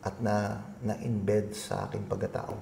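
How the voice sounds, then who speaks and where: Gravelly middle-aged man telling a story. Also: lowish voice, little pitch movement, slow pace, mellow, echoey room, slight background noise. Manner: polite, rambling anecdotal telling with restarts. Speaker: guest, agribusiness consultant. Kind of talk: casual interview storytelling.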